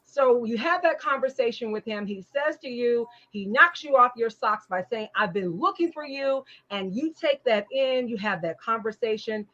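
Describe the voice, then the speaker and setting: A woman's voice: a little high, expressive, moderate pace, few pauses, fairly bright tone, dull audio. A woman hosting an interview, asking long, encouraging questions that she rephrases as she goes. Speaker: talk show host. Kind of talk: interview conversation.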